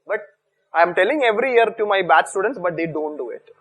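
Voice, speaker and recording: A man's voice: sits high, expressive, fast talker, a bit bright, breathy edge. A man with an Indian English accent giving a coaching lecture to students, speaking emphatically with repeated points and rhetorical questions. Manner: emphatic, repetitive, with rhetorical questions and check words. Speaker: exam coaching teacher.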